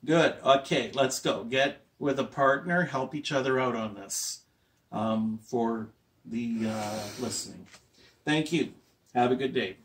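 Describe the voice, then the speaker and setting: A man speaking slowly and patiently as a teacher, walking language learners through a listening exercise. He pauses to check whether anyone has questions. His voice sits at an ordinary pitch and comes from some distance away from the mic. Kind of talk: classroom lesson to language learners.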